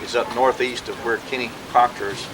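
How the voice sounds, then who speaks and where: A man, talking informally to relatives at a family gathering in a rambling way with many pauses, heard on an old VHS home video. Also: medium pitch, fairly even intonation, background noise. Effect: old VHS home video sound. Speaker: family historian speaking at a birthday gathering.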